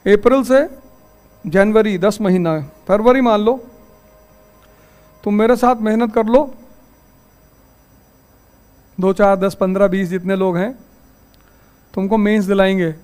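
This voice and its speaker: Male exam-prep teacher with a high voice. Folksy, storytelling classroom lecture. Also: takes it slowly, pauses often, a little mellow, clear, resonant tone. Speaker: civil services exam teacher.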